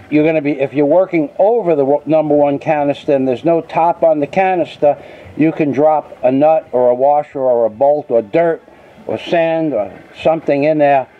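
A man patiently explaining a machine repair outdoors, step by step, recorded on a camera mic. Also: fairly high pitch. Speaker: mechanic demonstrating a repair. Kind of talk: casual how-to instruction. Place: outdoors beside heavy machinery. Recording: phone-like, faint outdoor noise.

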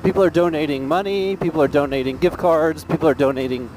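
A man's voice: a little high, fast talker, a little mellow. A man narrating a casual motovlog as he rides, speaking from inside his helmet. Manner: talking from inside a motorcycle helmet while riding. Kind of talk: casual vlog narration while riding. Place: on a motorcycle on a highway, outdoors. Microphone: mic inside a helmet. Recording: noisy helmet mic, clear road noise. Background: vehicle and road noise.

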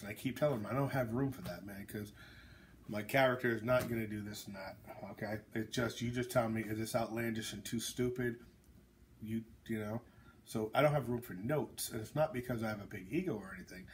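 A man who is an author hosts a casual chat, speaking bluntly and jokingly with plenty of fillers and tangents. His voice is lowish, with slight background noise.

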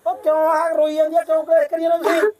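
A man's voice: very high-pitched, completely flat delivery, very fast. A man playing a coaxing village husband. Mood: soothing. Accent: Malwai Punjabi. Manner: coaxing, lecturing peacemaker. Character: young village husband calming a family row. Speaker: son and husband. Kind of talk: village comedy skit. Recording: noisy crowd in the background.

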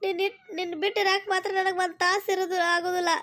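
Cartoon village mother with a North Karnataka accent, played by a woman, very high bright voice, tender and coaxing. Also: flat delivery, quick pace. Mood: tearful. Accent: North Karnataka Kannada. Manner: tender, coaxing, scolding gently. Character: loving village mother, tearful at daughter's marriage. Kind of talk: cartoon voice acting.

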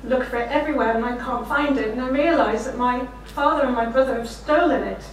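A middle-aged keynote speaker, her croaky voice sitting high and moving a little fast, stands behind a desk in a lecture room telling warm, self-deprecating stories. She laughs often as she speaks. The recording comes from a distant room mic and sounds echoey.

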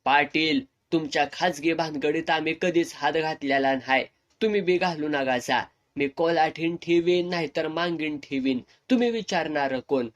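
पुरुष वाचक साकारतोय करारी म्हातारा. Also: male voice, fairly high pitch, moderate pace, natural voice. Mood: defiant. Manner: gruff, defiant rural dialect. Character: stern proud old village man.

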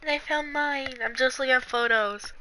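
A woman's voice: high voice, moderate pace, sharp tone, slight background noise, rough recording. A woman chatting casually and scatteredly, thinking aloud and giggling, sometimes dropping to a mutter while she checks her phone. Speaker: roleplay fan vlogger. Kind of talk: casual rambling chat.

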